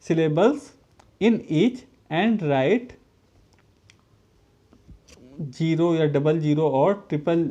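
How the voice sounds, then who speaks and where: A man's voice: fairly high pitch, mellow. A man teaching a school lesson to children, patiently reading English sentences out word by word and repeating them. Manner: addresses the pupils as children. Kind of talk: recorded classroom lesson. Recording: dull lo-fi recording.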